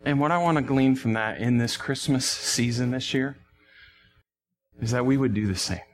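A man's voice: mid-range voice, normal speed. A man speaking as a pastor, earnest and conversational, repeating phrases for emphasis as he preaches or prays. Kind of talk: sermon and closing prayer.

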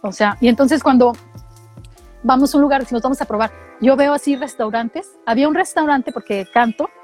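A middle-aged woman from Mexico with a Mexican accent, telling animated, slangy stories in casual chat and acting out what people said. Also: sits high, brisk, faint music behind. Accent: Mexican Spanish. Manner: animated storytelling, slangy, acts out quotes.

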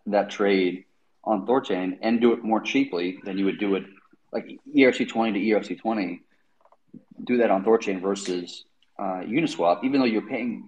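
A man's voice: low voice, darkish tone, dull audio. A man hosting a casual tech discussion, explaining things in an informal, rambling way with lots of verbal hedging. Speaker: host.

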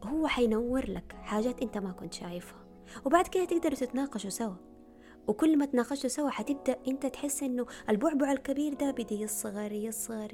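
A woman's voice: fairly high pitch, a little mellow. A woman giving earnest self-help advice in a casual talk to camera, often repeating words for emphasis.

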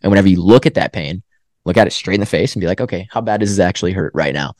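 A young adult college track runner, a guest on a podcast, tells a story in a casual interview and acts out his own self-talk. His low, a little mellow voice comes out rapid-fire, captured on a podcast microphone as clean studio sound with no echo.

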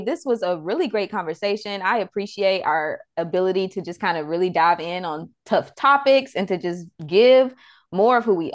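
A woman hosting a casual podcast chat, sassy and playful, teasing her co-hosts. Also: mid-range voice. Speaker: podcast host.

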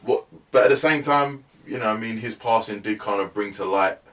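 On a casual podcast interview, a young English musician appears as a laid-back guest, his lowish voice brisk and a bit off-mic, picked up by a distant microphone. He's relaxed and chatty, using lots of fillers like "you know what I mean."

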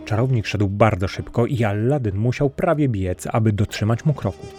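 A man narrating a fairy tale in a calm, measured storybook style. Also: on the low side, faint music behind.

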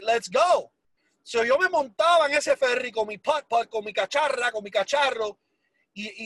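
Man, motivational speaker, emotional and emphatic, raspy voice, dry close sound. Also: very high-pitched, fairly bright tone, dry recording. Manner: emotional and emphatic, repeats words for force; drops English phrases into his talk. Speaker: motivational speaker for a sales business. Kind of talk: motivational speech.

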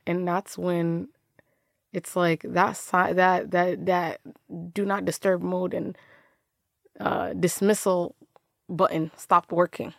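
A woman's voice: on the low side, creaky, no echo, studio quality. A young woman telling her own story in a candid, conversational way, often laughing and restarting her sentences. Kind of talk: personal storytelling monologue.

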